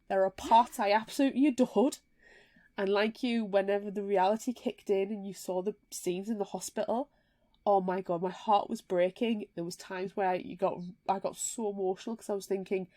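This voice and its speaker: A woman's voice: mid-range voice, darkish tone. A woman co-hosting a book podcast in casual chat, talking in an emphatic, heartfelt way with frequent restarts. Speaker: podcast co-host.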